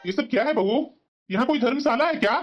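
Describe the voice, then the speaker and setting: Woman playing a suspicious cartoon father-in-law, gruff and questioning, swooping delivery, muffled lo-fi track. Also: fairly high pitch, expressive, fast, faint music behind, pitched below the performer's own voice. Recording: dull lo-fi audio.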